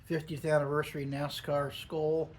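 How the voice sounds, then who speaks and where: A man's voice: fairly high pitch, level tone, normal speed, a little hiss or hum. A man giving a casual, musing solo video review, talking with a lip full of dip. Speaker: product reviewer. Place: upstairs in a garage.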